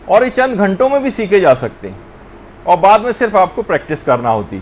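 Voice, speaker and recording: A man's voice: high voice, sing-song, a little hiss or hum. A man teaching a religious lesson, explaining patiently and drawing out sounds to demonstrate pronunciation. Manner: explanatory, drawn-out demonstrations of Arabic letters.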